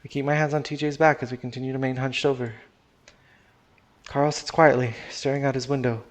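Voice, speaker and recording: A man's voice: medium pitch, flat delivery, brisk. A man reading a first-person story aloud on a stream, casual in tone, swearing now and then and restarting sentences.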